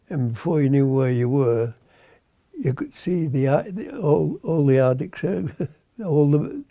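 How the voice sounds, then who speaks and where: A hundred-year-old British man, a navy veteran, remembering his service in a halting, unscripted way, searching for words and trailing off. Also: mid-range voice, warm tone, dry recording. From Britain. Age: 100.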